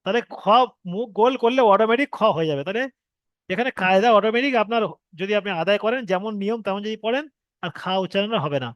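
A man's voice: high voice, fast talker, no echo, lo-fi sound. A man teaching how to read Arabic letters, patiently repeating each point, drawing out example sounds and asking if students follow. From Bengal. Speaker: Quran reading teacher. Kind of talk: online Arabic letters lesson.

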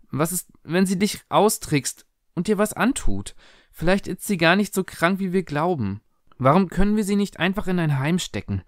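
Man doing a high teenage girl, frightened, agitated, breathless, storybook reading, dry close sound. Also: no room sound. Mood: anxious.

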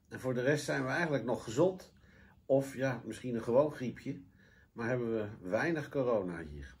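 Calm man reading a children's story. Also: mid-range voice. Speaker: care worker reading aloud.

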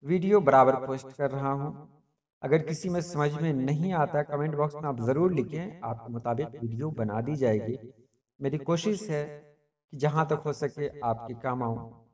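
A man's voice: mid-range voice, normal speed, darkish tone, recorded from a distance. A man teaching the meter of poetry in a patient lesson, chanting each metrical foot aloud and repeating it. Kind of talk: explanatory lesson.

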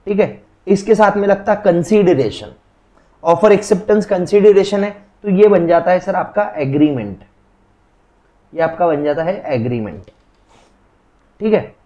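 A man's voice: high-pitched, dark tone. A young man teaching law in a casual classroom lecture, explaining through chatty, jokey stories.

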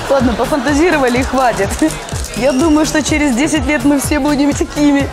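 A woman's voice: high voice, brisk, music in the background, close to an everyday voice. An actress playing a brash, cocky young clubgoer in a comedy sketch, a bossy woman talking in slang. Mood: matter-of-fact. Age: young adult.

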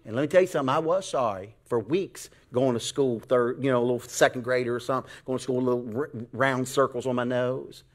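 A middle-aged American man preaching a folksy, animated sermon as a pastor, acting out voices in his stories. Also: medium pitch, fairly quick, few pauses. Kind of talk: sermon with storytelling.

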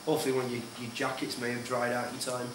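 Brief: practical male hiker, mid pitch, distant, echoey and very noisy. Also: flat delivery, quick pace. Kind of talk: casual chat. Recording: echoey room, far off, loud noise.

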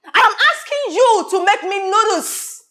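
Playing a haughty, quick-tempered wealthy woman in a low-budget drama film, this actress scolds and hammers home repeated questions. She sounds angry and indignant, her extremely high, exaggerated, expressive voice moving at a measured pace, loud and shouting when angered.

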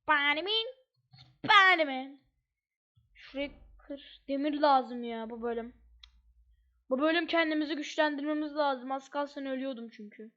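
High voiced woman gaming, chatty, thinks out loud, kinda dull lo-fi mic. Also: moderate pace. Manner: chatty, thinks aloud, slangy asides. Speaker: gamer. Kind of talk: casual gameplay commentary.

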